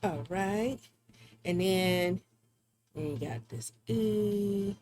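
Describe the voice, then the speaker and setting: A woman's voice: medium pitch, extremely slow, darkish tone. A woman hosting a live drawing stream, chatting casually and laughing often as she thinks aloud. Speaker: livestream art host.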